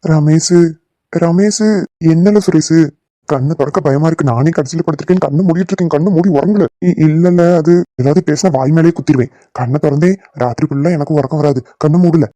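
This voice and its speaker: A man voicing a scared, gruff village man in a cartoon. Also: fairly high pitch, fairly quick, dark tone, no echo, lightly acted.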